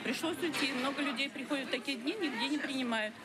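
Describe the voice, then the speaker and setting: A woman complains quickly and indignantly in a high voice. A loud crowd surrounds her. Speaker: resident.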